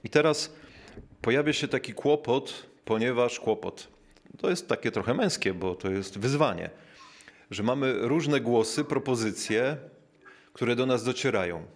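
Delivering a thoughtful sermon, this preacher has a medium-pitched, expressive voice and never rushes. He leans on key words by slowing down, and little filler sounds fill his pauses as he gathers his ideas.

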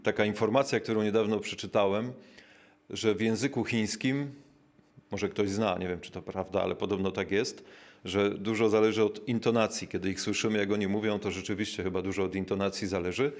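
A man with a lowish voice delivers a thoughtful sermon in a measured, unhurried way. He leans on key words by slowing right down, and fills his searching pauses with small hesitant sounds. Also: fairly even intonation, a little mellow. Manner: measured, reflective, slows down to stress key words. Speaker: preacher.

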